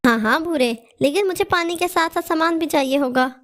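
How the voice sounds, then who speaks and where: A scheming auntie bird in a cartoon who coaxes and plots, played by a woman. The voice is high and sly, and the tone is wheedling. She talks in a sugary but plotting way. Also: fairly quick, fairly bright tone. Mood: coaxing. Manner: sly, coaxing.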